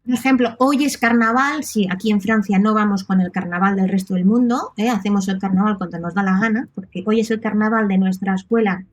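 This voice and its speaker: A Catalan woman in her thirties, a native Catalan speaker with a Catalan accent, chats casually as a podcast interview guest, often tacking on tag questions. Her mid-range voice moves briskly with few pauses.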